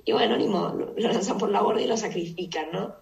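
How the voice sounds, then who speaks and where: A woman teaching a Bible study group, retelling the story in a lively casual way and putting questions to the listeners. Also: medium pitch, fast, vocal fry. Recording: echoey room, distant mic.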